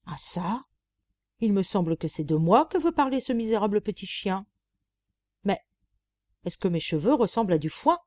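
A woman's voice: medium pitch, animated, moderate pace, pauses often, a little mellow, no room sound, natural voice. A woman voicing a deluded, indignant male clerk with scornful outbursts, in an audiobook reading. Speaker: audiobook reader. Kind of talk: audiobook narration.

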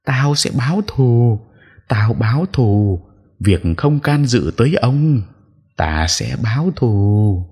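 A man voicing a young female ghost in a spoken horror story, high and pleading. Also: expressive, slow pace, darkish tone, slightly rough, in a large hall, heavily acted. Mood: vengeful.

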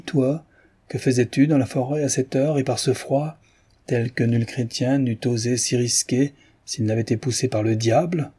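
A man's voice: mid-range voice, mellow, breathy edge, pitched above the performer's own voice, close to an everyday voice. A man reading aloud voices a guilty coachman who defends himself and pleads with his mistress. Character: guilty male coachman, fearful then defiant.

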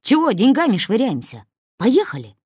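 A woman's voice: fairly high pitch, wildly swooping pitch, moderate pace, darkish tone, breathy edge, dry recording, studio quality, voice pushed up, heavily acted. A woman voicing a fussy, stingy middle-aged male crook who nags impatiently. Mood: grumbling. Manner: nagging, impatient.

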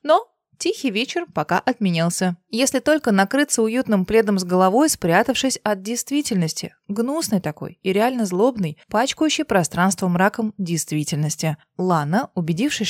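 A woman reads an audiobook with a lively, ironic storyteller's touch. Her voice sits in a middle pitch. The recording is dry and close, with no room sound. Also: no echo. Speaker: audiobook narrator. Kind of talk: audiobook reading.

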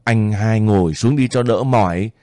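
A man voicing a sharp-tongued young village woman who scolds quickly and insistently. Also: lowish voice, no echo, studio quality, natural voice. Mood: urgent.

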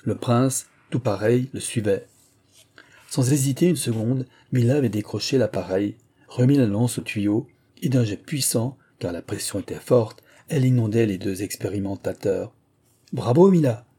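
A man narrating a literary audiobook in a measured, expressive reading. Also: fairly low pitch, husky.

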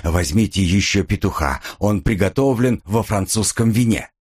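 A man voicing a composed aristocratic hostess who smooths things over. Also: fairly low pitch, normal speed. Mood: soothing. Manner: calm, placating.

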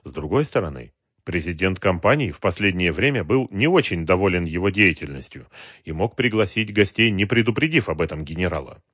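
A man narrating an audiobook in a measured storytelling voice. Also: sits low, expressive, a bit bright, husky, no echo, clean studio sound. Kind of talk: scripted narration.

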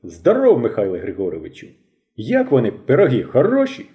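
A man's voice: medium pitch, huge pitch swings, brisk, lo-fi sound. A man reading a jovial, teasing, plain-spoken seasoned soldier in an audiobook. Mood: cheerful. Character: cheerful seasoned soldier, grown man, easygoing. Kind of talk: audiobook character voice.

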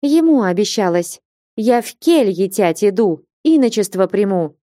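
Young merchant's daughter, tearful but defiant; a woman reads her in a warm, mellow storybook voice. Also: mid-range voice, animated, no room sound, clean studio sound, close to an everyday voice. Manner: pleading, then firm and measured.

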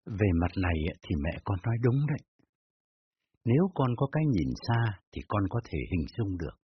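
Man voicing a calm older father. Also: on the low side, a little hiss or hum, lightly acted. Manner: measured, reasoning. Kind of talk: dramatized audiobook reading. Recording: dull lo-fi with faint music.

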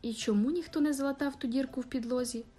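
A woman doing an excitable young bride. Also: high voice, quick pace, faint music behind, voice pushed up. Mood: excited. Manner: excited, breathless exclamations.

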